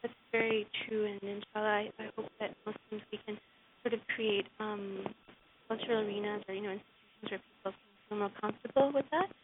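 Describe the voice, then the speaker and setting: Over what sounds like a phone line with faint hiss, a blogger interviews a guest, hesitating and filling her questions with ums and uhs. She has a mid-range voice with a steady tone and speaks a little fast.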